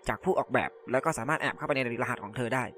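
A man's voice: medium pitch, very fast, bright, forceful tone. A man giving casual let's-play commentary. He reads in-game messages aloud and translates them on the fly, in loose, filler-heavy talk full of polite particles. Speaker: gamer translating game text.

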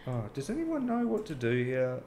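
A man's voice: mid-range voice, wildly swooping pitch, moderate pace, darkish tone, echoey room, slight background noise. A man playing a horror game and talking himself through it, often flustered. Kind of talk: casual gameplay commentary.

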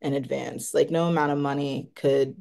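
A woman's voice: a bass voice, steady tone, moderate pace, gravelly, mellow. A young woman speaking casually in an interview, often saying "like".

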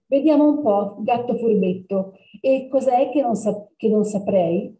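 A woman's voice: medium pitch, slow, warm tone, echoey room, rough recording. A woman voicing an impatient young girl who keeps pleading and insisting, in a spoken storybook reading. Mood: eager.

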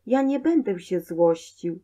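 A woman reading a storybook aloud, voicing a stubborn little boy who shouts and demands. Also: lowish voice, very animated, takes it slowly. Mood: gentle.

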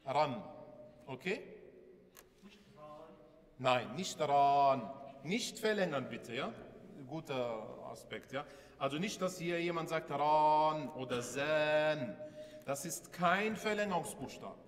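A man's voice: fairly high pitch, expressive, slow. Patient male teacher in an echoey classroom. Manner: patient, asks questions and repeats. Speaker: Arabic alphabet teacher. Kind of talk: classroom lesson with questions to students.

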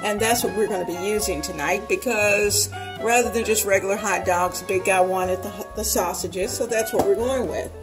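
A woman's voice: mid-range voice, normal speed, over music, poor audio. A woman hosting a home cooking video, chatting casually and talking viewers through each step as she cooks in her kitchen.

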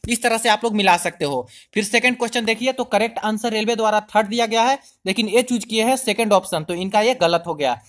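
Male channel host with a high voice, chatty step-by-step tutorial narration, keeps calling viewers friends. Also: fast talker, hardly any pauses, a bit bright. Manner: step-by-step instructional. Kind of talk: screen-recorded tutorial voice-over.

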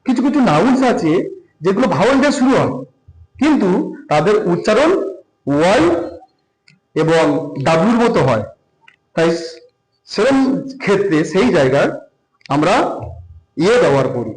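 A man teaching a grammar lesson, reading English rules slowly and then explaining them with rising emphasis. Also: sits high, big pitch swings. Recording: echoey room.

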